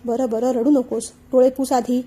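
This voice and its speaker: An older mother-in-law, calm and persuasive, as a woman narrator reads her. She reasons gently in a high, mellow voice. Audiobook family drama. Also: moderate pace, breathy edge. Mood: gently persuading.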